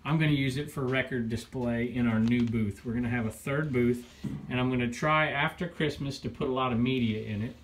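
This reseller vlogger, a man in his forties, chats fairly quickly in a medium pitch about his resale finds in a relaxed haul video. He films at arm's length in a small, cluttered room at home, rambling cheerfully and correcting himself along the way. A little hiss or hum can be heard.

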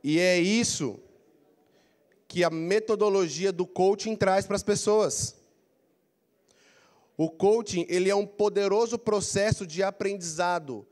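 A middle-aged Brazilian career coach with a high-pitched, animated voice and a Brazilian Portuguese accent gives a lively motivational lecture in a large council auditorium. Walking the floor with a handheld mic, he speaks slowly with long pauses and prompts the audience to repeat phrases.

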